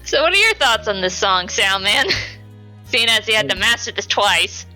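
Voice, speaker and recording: A woman giving a casual commentary about her work, giggly and slow-spoken, on a home mic over a voice call. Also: mid-range voice, sing-song, sharp tone, soft background music, low-quality recording. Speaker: voice actor and singer on a production team.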